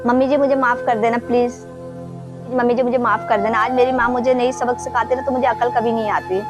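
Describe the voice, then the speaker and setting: A woman playing a young daughter-in-law in a home-made family drama, talking quickly and scolding her elders. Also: on the high side, steady tone, lightly acted. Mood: remorseful. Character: young daughter-in-law, sharp-tongued then remorseful. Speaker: actor in a family drama skit. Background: background music.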